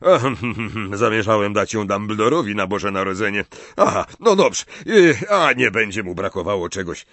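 A man's voice: fairly low pitch, lively intonation, normal speed, fairly bright tone, no echo. A man voicing a jovial, fussy old wizard professor who chuckles and repeats himself.

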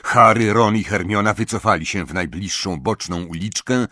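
A man narrates a fantasy audiobook in a lowish, husky voice that rises and falls with lively drama. The sound is dry and close to the mic, with no room around it. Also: normal speed, no room sound. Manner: expressive, dramatic storytelling.

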